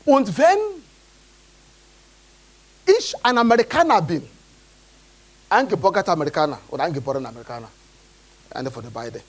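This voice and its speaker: A man from Nigeria, preaching a sermon as pastor and often checking in with his congregation. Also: sits high.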